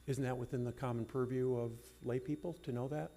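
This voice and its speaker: A man's voice: mid-range voice, fairly even intonation, brisk, dark tone. A man speaking as an attorney in appellate oral argument, insistent and argumentative yet deferential. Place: courtroom.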